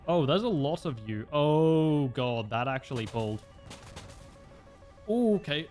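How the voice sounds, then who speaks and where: A man's voice: a little high, lively intonation, a little slow, a little mellow, faint music behind. A young man streaming a flight game, chatting casually and explaining tactics with lots of fillers. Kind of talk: casual gameplay commentary.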